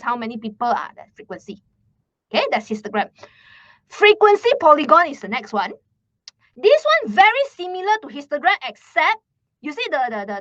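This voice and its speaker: A young woman with a Malaysian English accent walks viewers through a live math lesson in a high, animated voice that rises and falls a lot. She is chatty and repeats words as she goes. The recording is dry and a little muffled. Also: no room sound. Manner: chatty, repeats words, ends phrases with "lah". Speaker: math teacher.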